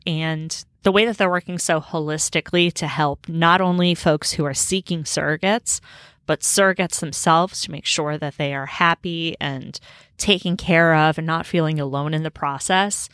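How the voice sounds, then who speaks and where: A woman's voice: low voice, steady tone, normal speed, fairly bright tone, clean tone, dry recording, clean studio sound. A woman in her thirties chatting casually as a podcast host, bubbly, slangy and rambling, recording indoors on a boat. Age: 30s. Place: indoors in a room on a river boat.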